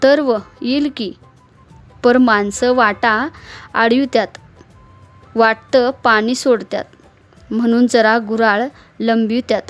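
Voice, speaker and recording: A woman's voice: fairly high pitch, steady tone, soft background music. A woman voicing a humble, weary older male farmer who talks plainly and unhurriedly. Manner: plain, unhurried village talk.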